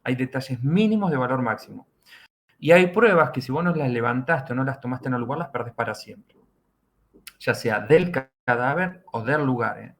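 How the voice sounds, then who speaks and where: A middle-aged man with an Argentine accent speaks as a forensic doctor in a podcast interview. His voice has a gravelly, rough edge, and he explains step by step, often repeating his key phrases for emphasis. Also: medium pitch, lively intonation, normal speed. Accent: Argentine Spanish.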